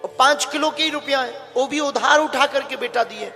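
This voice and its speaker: A man voicing a gentle, anxious village mother. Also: very high-pitched, moderate pace, voice pushed up, full character voice. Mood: pleading. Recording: echoey hall with music behind.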